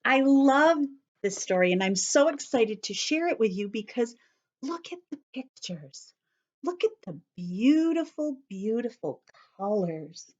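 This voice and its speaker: A children's storyteller with a fairly high pitch and darkish tone reads a picture book to young kids, explaining words and at times whispering. The audio is dull.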